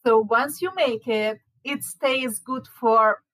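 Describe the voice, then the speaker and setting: A woman with a Hungarian accent talks casually about the baking classes she teaches. Her voice sits a bit high, and she often laughs and trips over her own words. The sound is close and dry, with no room around it. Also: slow, fairly bright tone, no room sound, low-quality recording. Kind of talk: casual chat.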